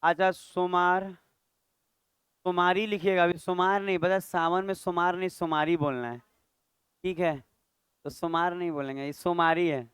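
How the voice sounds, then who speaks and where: Maths teacher guy lecturing a class, high voice, super clear and dry, keeps scolding the kids. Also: steady tone, moderate pace, pauses often, a bit bright, no room sound. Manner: scolding, chatty teacher who quizzes students aloud.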